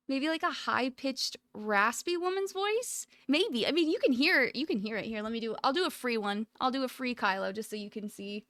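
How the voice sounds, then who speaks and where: A woman's voice: fairly high pitch, animated, moderate pace, fairly bright tone, no room sound, clean studio sound. Giggly woman chatting on stream. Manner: giggly, rambling, full of "like" fillers. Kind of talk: casual livestream chat.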